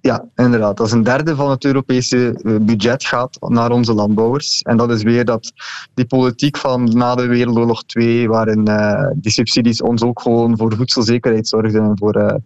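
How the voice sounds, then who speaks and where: A man's voice: mid-range voice, little pitch movement, normal speed, a little mellow, clear, resonant tone, dry recording. A man explaining a subject informally as an interviewed expert, heard over a slightly dull remote line.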